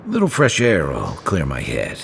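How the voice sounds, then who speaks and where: A world-weary ex-mercenary in a fantasy game, his voice extremely deep and gravelly. He speaks haltingly, as if confessing old guilt, and his pitch rises and falls with feeling. A long reverb and faint hiss hang around the game audio. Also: wildly swooping pitch, heavily acted. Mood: somber. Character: weary guilt-ridden male veteran mercenary. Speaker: companion character. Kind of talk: video game voice acting.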